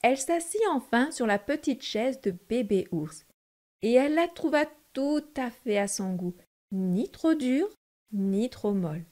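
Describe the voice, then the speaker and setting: A woman reading a children's fairy tale aloud in a clear, unhurried read-aloud manner. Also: on the high side, lively intonation, dark tone. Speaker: narrator.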